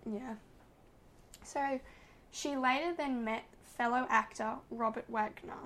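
A woman's voice: fairly high pitch, fairly even intonation, slow pace, a bit bright, slight background noise. A woman co-hosting a podcast, chatting casually and gushing like a gossipy storyteller. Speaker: podcast co-host. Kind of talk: casual chat.

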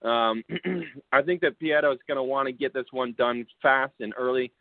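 Chuckling and relaxed, a man hosts a casual fight-pick chat, sprinkling his speech with fillers. He speaks in a mid-range voice at a moderate pace with fairly even intonation, over dry, tinny phone-line audio with no room sound.

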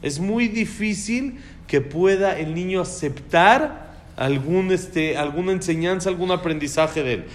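A man's voice: high voice, unhurried. A man teaching a religious class on raising children, speaking emphatically and putting questions to his listeners. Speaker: Torah teacher.

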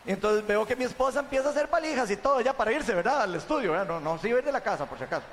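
Hombre costarricense de voz aguda, testimonio animado. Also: male voice, extremely high pitch, racing, long reverb tail, a little hiss or hum. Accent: Costa Rican. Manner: chatty, animated storytelling, tags sentences with "¿verdad?". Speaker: church member giving testimony. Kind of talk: personal testimony to a congregation.

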